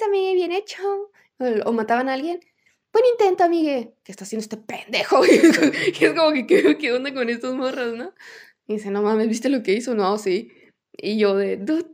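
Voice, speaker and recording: A woman's voice: on the high side, a little mellow. A young Mexican woman co-hosting a podcast, telling stories animatedly, acting out quotes and laughing often. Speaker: podcast co-host. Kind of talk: casual chat.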